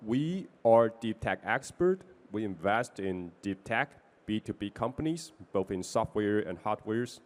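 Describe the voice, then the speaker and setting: A Taiwanese man with a slightly mellow voice pitches his investment fund in a business presentation. His Taiwanese accent is noticeable, and he makes small non-native grammar slips.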